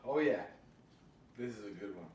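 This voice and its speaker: Slangy male storyteller played by a man for a table-read drama, lively pitch, echoey distant recording. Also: normal speed, close to an everyday voice. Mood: spooky, casual. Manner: casual, slangy. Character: casual male storyteller spinning a spooky cemetery tale to friends. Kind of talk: amateur script table read. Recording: roomy, off-mic, faint noise.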